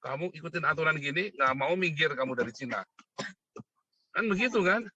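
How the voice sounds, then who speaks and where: A man's voice: fairly high pitch, lively intonation, a little fast, pushed and bright, dry recording, highs cut off. A man delivering a mocking, provocative monologue, constantly asking for agreement. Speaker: online commentator. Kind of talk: ranting monologue.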